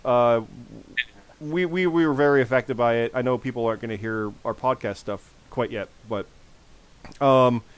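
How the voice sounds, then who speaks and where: A man in his forties with a hoarse, worn voice, hosting a casual podcast and repeating phrases for emphasis. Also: medium pitch, no echo. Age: 40s. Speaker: podcast host.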